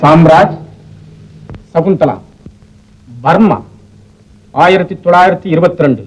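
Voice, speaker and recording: A man's voice: fairly high pitch, measured pace, soft background music, rough recording. A sly scheming young man. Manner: plotting, muttering to himself. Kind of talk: 1950s film melodrama acting.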